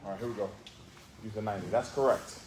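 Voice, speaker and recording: This judo coach has a low-leaning, steady voice and talks at a quick pace, repeating cues and barking short commands in a large gym. The hands-on session is captured by a camera on the floor, and the room is echoey with background noise.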